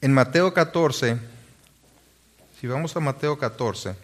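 A man's voice: medium pitch, slow. A male pastor preaching a sermon, reading scripture aloud and asking his congregation rhetorical questions.

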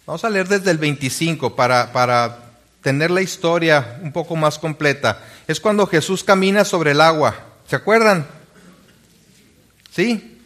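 Male pastor, slightly high voice, sermon delivery, questions to the congregation. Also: measured pace, fairly bright tone. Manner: preaching with rhetorical questions to the congregation; reads scripture aloud.

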